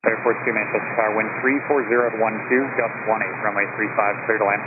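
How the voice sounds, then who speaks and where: Tower guy on the radio, monotone clearances, tinny and staticky. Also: fairly low pitch, quick pace, heavy background noise. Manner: flat procedural delivery. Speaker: airport tower controller.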